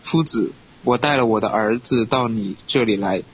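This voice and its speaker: A man reading scripture aloud at a steady, measured pace in a Bible study program. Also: fairly low pitch. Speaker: scripture reader. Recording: dull lo-fi recording with faint hiss.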